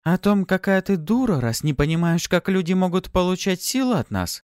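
A man's voice: high voice, very animated, moderate pace, a little mellow, smooth, no room sound, clean studio sound, voice pushed up. A man voicing a sly, possessive female succubus with a mocking, playful manner in an audiobook. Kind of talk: audiobook character voice.

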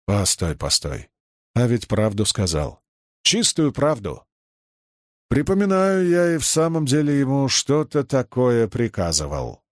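A man's voice: medium pitch, wildly swooping pitch, unhurried, no echo, studio quality. A man voicing a brash, scheming older male ship's chief who talks in a boisterous, mocking, theatrical way, read for an audiobook. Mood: sly. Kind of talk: audiobook character reading.

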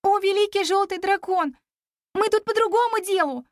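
A woman voicing a curious, excited young girl who asks eager questions. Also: very high voice, normal speed, no room sound, clean studio sound, pitched above the performer's own voice. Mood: pleading. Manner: eager, exclamatory.

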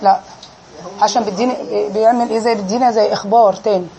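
A woman's voice: medium pitch, fairly even intonation, quick pace, noisy background. A woman with an Egyptian accent teaching an Arabic grammar lesson in a classroom, quizzing her students and drilling them on each answer.

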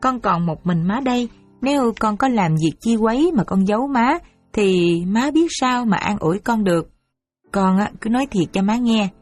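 A woman voicing a worried, gentle mother who coaxes her daughter softly. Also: medium pitch, expressive, normal speed, dry recording, soft background music, natural voice. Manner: soft, coaxing and anxious.

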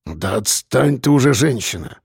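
A man voicing a gruff, grumbling older man recovering in a hospital bed. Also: medium pitch, lively intonation, normal speed, a little mellow, no echo, studio quality, full character voice.

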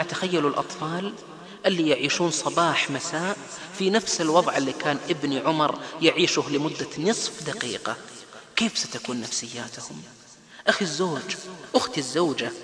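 A man preaching a lively religious lecture, acting out the voices he quotes. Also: a little high. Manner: animated, acts out quoted voices. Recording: echoey hall with crowd.

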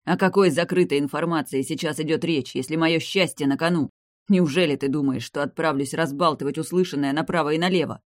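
A man's voice: fairly high pitch, moderate pace, few pauses, no echo, clean studio sound, close to an everyday voice. A man voicing a hot-tempered young vampire heir. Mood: tense. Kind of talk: audiobook character reading.

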